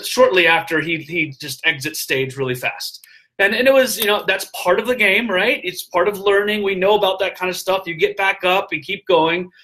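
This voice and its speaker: In a casual motivational live stream from a hotel room, a middle-aged man gives business tips to a webcam set at desk distance. He has a high voice and the recording is rough; he gestures constantly, stays animated, and leans heavily on fillers like "all right?"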